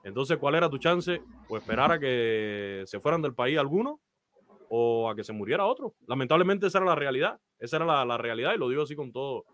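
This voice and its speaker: On a video call from a small room indoors, a thirtysomething baseball announcer from Cuba tells his career story as an interview guest. His medium-pitched voice is animated, brisk and fairly bright, and the recording is dry. He speaks earnestly with a Cuban Spanish accent, gives advice, and says "eh" a lot.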